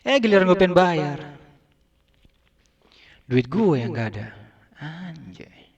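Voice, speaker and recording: A man's voice: a little high, very animated, slow, gravelly, breathy edge, dull audio. A man performing a stand-up comedy monologue, telling an absurd, repetitive story in casual slang. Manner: shouts out acted lines of dialogue.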